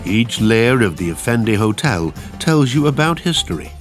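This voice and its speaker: A man narrating a travel cooking documentary in a measured scripted voice-over. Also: mid-range voice, big pitch swings. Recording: voice-over over music.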